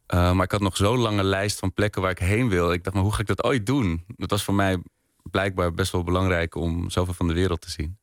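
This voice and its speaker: Low-voiced, hesitant man in a dry studio. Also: steady tone, brisk, dry recording. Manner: hesitant, self-deprecating, lots of restarts. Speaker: podcast maker, interview guest. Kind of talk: relaxed radio interview chat.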